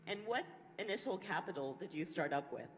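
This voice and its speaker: A woman with a fairly low voice chairs a panel in a large conference hall. She asks long, carefully structured questions at a measured pace. The sound carries a long hall reverb with faint ambience behind it. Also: lively intonation, slight background noise. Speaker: panel moderator.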